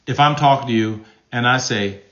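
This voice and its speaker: Answering comments from his live audience, a pastor offers relationship advice, demonstrating tones of voice and often checking in with an "okay?" in an animated way. His mid-range voice keeps a moderate pace, and the recording's highs are cut off.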